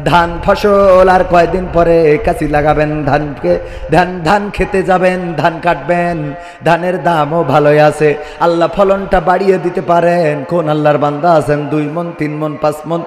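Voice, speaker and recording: A young Bangladeshi man with a very high, steady voice delivers a waz sermon from a stage at a religious gathering, speaking a little slowly in a Bangladeshi Bengali accent. His loud, declamatory style slips into a singsong half-chant as he offers prayers, appeals for donations and calls for crowd responses. The amplified sound system leaves a long, echoey hall reverb.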